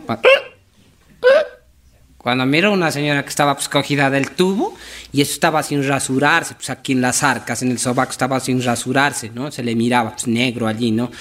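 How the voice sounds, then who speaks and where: A man's voice: medium pitch, fairly even intonation, fairly quick, fairly bright tone. A man with a Nariño Colombian accent telling regional jokes, chatty and full of little asides to the listener. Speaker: joke teller.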